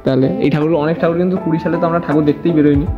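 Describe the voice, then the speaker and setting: A young man with a Kolkata Bengali accent rattles off a casual vlog tour at top speed, his voice a touch high. The recording is dull and lo-fi. Background music plays clearly underneath. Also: fairly even intonation. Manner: rapid chatty commentary, teasing friend. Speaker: vlogger. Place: museum grounds in Kolkata, walking.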